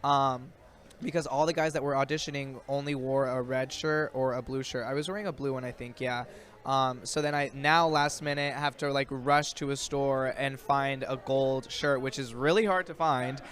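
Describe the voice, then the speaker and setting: A man's voice: medium pitch, steady tone, normal speed, fairly bright tone. A young adult man, an actor guest, answering interview questions in a loose, rambling way full of ums and likes. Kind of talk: casual interview chat. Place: outdoors in a built-up area.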